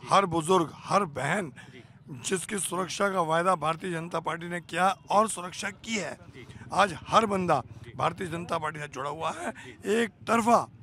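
A man's voice: a little high, bright, forceful tone. A male party worker speaking in rallying, slogan-like phrases.

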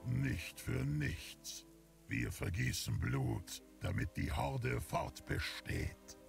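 Gravelly, weary old orc warrior. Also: male voice, wildly swooping pitch, soft background music, full character voice. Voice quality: deep, gravelly. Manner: grave, deliberate. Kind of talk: video game cutscene acting.

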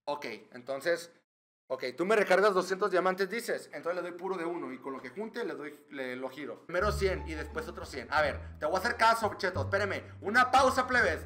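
A young man with a Mexican accent giving slangy, excitable, swearing gaming commentary. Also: high voice, brisk. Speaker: gaming streamer.

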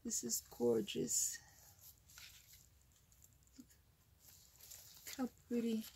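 Woman, craft vlog host, unboxing, gushing, husky, unhurried. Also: medium pitch, warm tone. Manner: gushing, exclaiming over each item.

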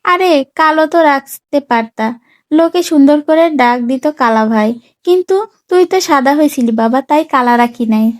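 An easygoing father in a storybook comedy, mild and calm, voiced by a woman narrator. He answers without any heat, in a high voice. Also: moderate pace, lightly acted. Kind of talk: storybook reading.

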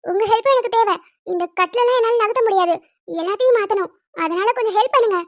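A woman's voice: extremely high pitch, no room sound, lo-fi sound. A woman doing a bossy cartoon wife. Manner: scolding, quick commands. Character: bossy young wife, sharp-tongued and caring. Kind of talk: Tamil cartoon dubbing.

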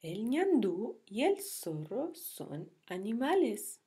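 A woman teaches young children to read, speaking very slowly and praising them as she goes. Her voice is soft-toned and a little husky. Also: fairly high pitch, very animated. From Chile. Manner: praising, encouraging pupils. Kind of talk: slow classroom reading drill.

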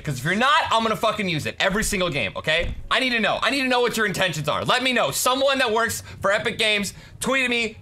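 A man's voice: high-pitched, sharp tone. A man in his twenties talking casually as a video game streamer, insistent, repetitive and sweary. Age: 20s. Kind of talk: casual live gaming commentary. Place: small indoor streaming room.

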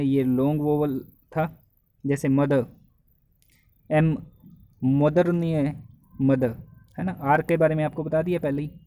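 Man teaching slowly, dark voice. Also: on the high side, gravelly, no room sound. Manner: explains step by step, checks that students follow; reads example words out one by one. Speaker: exam coaching teacher. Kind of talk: classroom lecture.

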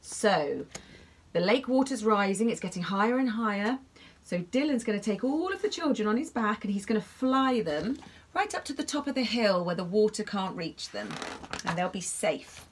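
A woman reads a bedtime story to young children in an expressive, animated way. She gasps at the exciting parts and keeps stopping to ask little listeners what they can see in the pictures. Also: medium pitch, normal speed, breathy edge. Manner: expressive, gasping, asks the listener questions about the pictures.

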